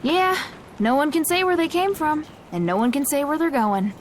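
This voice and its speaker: An actress playing a gruff, wary young gunslinger in a video game, stubborn and world-weary, with a blunt, folksy Southern US drawl. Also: female voice, sits high, big pitch swings, normal speed, slight background noise. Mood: grim. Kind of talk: video game character acting.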